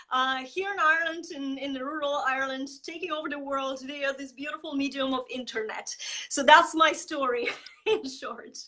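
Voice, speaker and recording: Woman from Estonia, high bright voice, energetic and emphatic interview guest. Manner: energetic, emphatic, many fillers. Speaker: guest, marketing coach. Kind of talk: casual interview talk.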